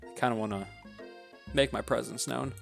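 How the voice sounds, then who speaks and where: A man's voice: mid-range voice, moderate pace, gravelly. A man hosting a let's play, reading a dating game aloud with wry, self-deprecating asides. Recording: faint background game music.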